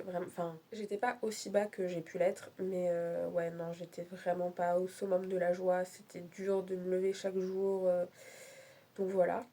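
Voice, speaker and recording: A woman's voice: mid-range voice, mellow. A young woman from France talking candidly in a casual personal vlog, rambling with many fillers and restarts. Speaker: vlogger.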